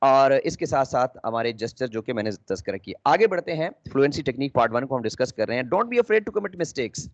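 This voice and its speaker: A man's voice: medium pitch, very animated. Man teaching in a lo-fi recording. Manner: explanatory, mixes English phrases, frequent 'uh' pauses. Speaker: English teacher. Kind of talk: lecture lesson. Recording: dull lo-fi audio.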